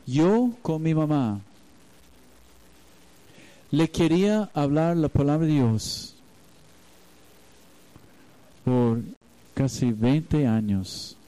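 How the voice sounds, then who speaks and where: A man's voice: sits high, warm tone, rough recording. A man preaching as a pastor, telling a personal story and acting out the voices in it. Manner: storytelling, acts out quoted voices. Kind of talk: sermon.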